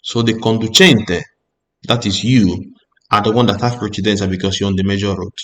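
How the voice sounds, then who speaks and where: Speaking with a lowish voice, this driving theory instructor reads the rules out one at a time and walks through each with patience. A brief "Ok?" regularly confirms his students are keeping up.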